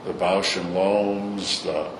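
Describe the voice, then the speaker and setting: Taking it slowly, with a steady tone in a voice that sits low, an older man with a Brooklyn accent tells informal stories for a recorded interview. Expect bluntness, salty language and firm opinions, plus room echo and clear background noise.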